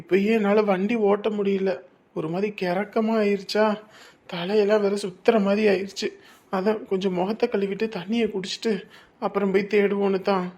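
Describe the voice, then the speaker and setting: In audio drama acting, a woman voices a worn-out young husband desperately searching for his missing wife, pleading and tearful, worried and exhausted. Her medium-pitched voice has little pitch movement and is a little fast, a little mellow, and lightly acted.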